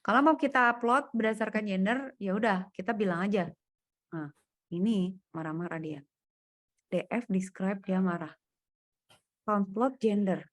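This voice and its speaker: A woman gives a relaxed one-on-one coding lesson, thinking aloud as she works through data and plots. She speaks in a casual manner. Her voice sits at an ordinary mid pitch. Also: a little slow, long pauses. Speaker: coding tutor. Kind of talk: private coding lesson over screen share.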